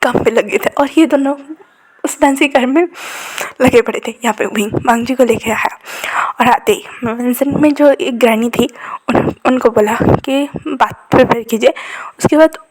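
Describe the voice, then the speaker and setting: A woman's voice: a little high, normal speed, darkish tone, a little hiss or hum. A woman casually retelling a fan-fiction story in a chatty, conversational way. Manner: chatty, addresses listeners as "bhai".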